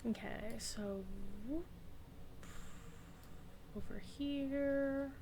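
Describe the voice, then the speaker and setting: A woman's voice: high-pitched, very slow, noisy background. A woman giving casual gameplay commentary, chatty and playful, thinking aloud as she goes. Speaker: gamer, streamer.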